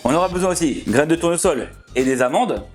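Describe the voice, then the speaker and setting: A man's voice: a little high, animated, fast talker, soft background music. A man hosting a casual cooking vlog, chatty and jokey, who often laughs and talks straight to his viewers. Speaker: cooking channel host.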